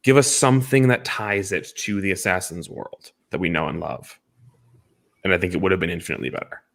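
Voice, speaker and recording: With a low, creaky yet fairly bright voice and a brisk pace, a film podcast co-host gives emphatic opinions in casual discussion, repeating points for emphasis.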